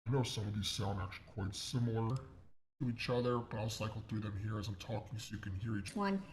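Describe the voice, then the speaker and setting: A speaker demonstrating a voice changer on an audio mixer, the voice morphing between a squeaky high pitch and a deep low one while they explain the settings. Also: expressive, brisk, slight background noise. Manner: talks the device through step by step. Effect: voice changer shifting pitch high and low. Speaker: tech product reviewer. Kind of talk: casual product demonstration. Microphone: desk XLR mic through an audio mixer.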